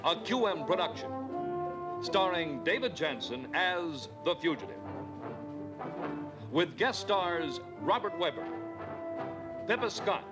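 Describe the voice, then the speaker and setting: A man's voice: sits high, very animated, slow, long pauses, poor audio. A man making a dramatic opening announcement for a 1960s television series. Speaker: title announcer. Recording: old TV soundtrack, loud music.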